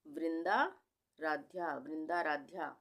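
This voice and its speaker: A woman teaching Hindi spelling on a video channel, patiently repeating each name slowly, syllable by syllable, with a few English words mixed in. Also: low voice, fairly even intonation, a bit bright.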